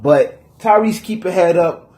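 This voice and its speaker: Male podcast host, higher voice, slangy animated storyteller, echoey room sound. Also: measured pace. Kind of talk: casual chat.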